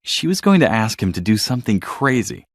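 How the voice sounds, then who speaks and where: A male narrator reads a children's storybook with a dramatic, highly animated, brisk delivery at a middle pitch. The recording is dry with no room sound.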